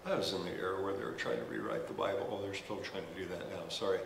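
This older pastor talks fast in a low, expressive voice with vocal fry, delivering a conversational sermon with funny asides as he walks the stage gesturing, headset mic on. The capture sounds distant and roomy, with a little hiss or hum.

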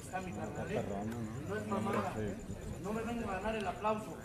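A man with a Mexican accent giving a profane, comedic testimony at a recovery group meeting, moving between low muttering and loud shouted rants. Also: fairly even intonation, a little fast, over a noisy crowd.

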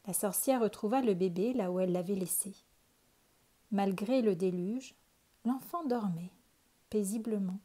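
A woman calmly reading a children's picture book aloud. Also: medium pitch. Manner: calm, unhurried storytelling. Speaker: storyteller.

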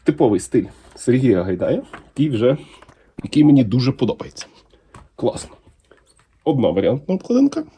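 A man's voice: mid-range voice, slightly rough. A man talking casually and enthusiastically as he unboxes comics for his channel. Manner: enthusiastic, unhurried, lively intonation.

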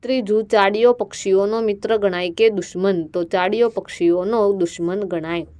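A woman's voice: medium pitch, a little mellow, clean tone. A woman teacher going through exam answers, reading each sentence and then stating the answer word.

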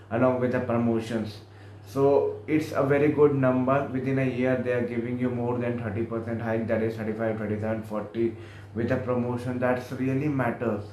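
A man's voice: medium pitch, a little mellow, reverberant, a little hiss or hum, low-quality recording. A young man with an Indian English accent giving rambling, repetitive career advice to the camera in a small office room, slipping in Hindi phrases. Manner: rambling, repeats himself, mixes in Hindi phrases. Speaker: career vlogger. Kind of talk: casual career advice monologue.

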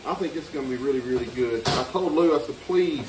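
A middle-aged man jokes around while cooking at home. His voice sits at an ordinary pitch. He sounds far from the microphone, in an echoey kitchen. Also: quick pace, background noise. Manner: joking, playful banter. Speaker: cooking show co-host. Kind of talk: casual home cooking chat. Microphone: far camera across the room.

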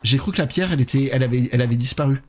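A man's voice: mid-range voice, rapid-fire. A man doing casual live commentary on a horror game while chatting with his viewers.

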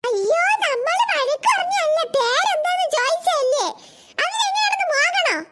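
A woman's voice: very high voice, animated, moderate pace, noisy background. A woman voicing a snappy, quarrelsome cartoon grandma. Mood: scolding. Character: cranky scolding old grandmother. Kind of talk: cartoon voice acting.

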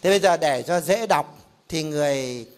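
A man's voice: fairly high pitch, normal speed. A middle-aged man, a pastor teaching a Bible class in a conversational style, explaining with examples and rhetorical questions.

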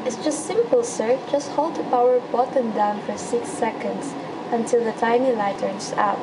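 A courteous young female call center agent, acted by a woman, recites her script. The voice is slightly high and sounds away from the mic, under loud background noise. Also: normal speed, recorded from a distance, close to an everyday voice. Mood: courteous, instructing. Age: young adult. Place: indoor room.

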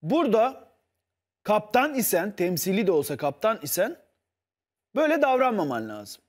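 A man with a high voice that jumps all over the place, arguing hard on a studio panel show. He keeps pressing his point and turns to the viewers to back him up. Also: sing-song, normal speed. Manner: insistent, argumentative, appeals to the viewers. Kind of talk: heated TV panel debate.

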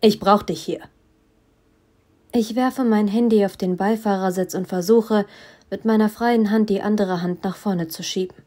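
A woman narrating a first-person audiobook in a steady, measured storytelling manner. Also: mid-range voice. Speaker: audiobook reader.

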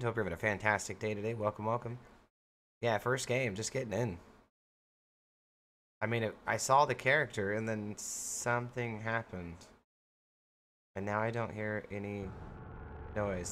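Chatty, excitable male game streamer. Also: fairly low pitch, moderate pace, long pauses, slight background noise. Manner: chatty and excitable, laughs often. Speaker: gaming streamer. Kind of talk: live-stream gameplay commentary.

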